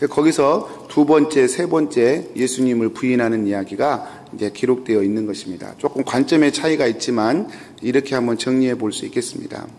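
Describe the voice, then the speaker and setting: A man's voice: medium pitch, fairly quick, few pauses, darkish tone. A man, the pastor, giving a dawn sermon, retelling the scripture scene step by step and repeating key phrases for emphasis. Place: church sanctuary. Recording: long reverb of a church hall.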